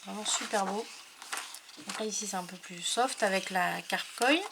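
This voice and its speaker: A woman's voice: medium pitch, normal speed, vocal fry, very noisy. A woman who chats casually and hesitantly as she shows off craft papers she received, with lots of fillers. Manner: chatty, hesitant with many fillers. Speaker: scrapbooking YouTuber. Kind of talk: casual product haul talk.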